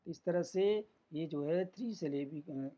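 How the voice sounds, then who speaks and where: A man teaches an English lesson at a very unhurried pace. He stretches words out and breaks them into syllables. The recording sounds dull and lo-fi. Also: fairly high pitch, warm tone. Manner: slow, syllable-by-syllable explaining. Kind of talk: classroom lesson.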